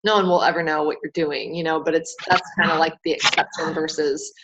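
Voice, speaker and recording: A woman hosting a casual team call, chatty and laughing often, acting out quotes in a higher voice. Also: steady tone, brisk, very noisy. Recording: dull lo-fi call audio.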